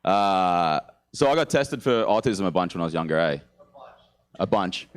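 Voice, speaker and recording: A man's voice: sits low, animated, normal speed. Australian guy rambling funny stories, laughs mid-sentence, easygoing. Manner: laid-back, swearing, laughing mid-story. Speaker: guest comedian. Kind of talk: casual stand-up chat.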